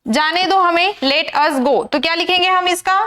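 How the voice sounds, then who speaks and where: Indian woman teacher, very high voice, drills exam grammar with repeated questions. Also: unhurried, bright, forceful tone. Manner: repetitive drilling with rhetorical questions. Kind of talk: exam-prep grammar lesson.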